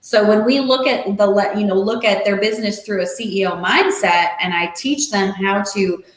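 A middle-aged woman talking casually as a podcast guest, animated, acting out the voices she quotes. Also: mid-range voice, moderate pace, reverberant, rough recording. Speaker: podcast guest, real estate investor and coach. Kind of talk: casual interview chat.

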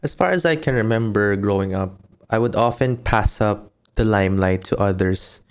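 A man's voice: on the low side, normal speed, clear, resonant tone. Filipino man podcasting in Taglish. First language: Tagalog. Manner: mixes Tagalog and English (Taglish). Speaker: podcast host. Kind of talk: reflective solo podcast monologue.

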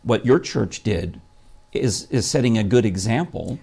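A man's voice: lowish voice, expressive, unhurried, gravelly, dark tone, breathy edge. A man hosting a casual morning chat show, talking in a rambling, chatty way with lots of fillers and restarts. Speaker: show host.

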